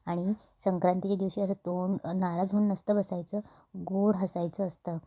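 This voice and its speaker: A woman's voice: lowish voice, flat delivery, normal speed, dark tone. A woman reading as a teasing young brother.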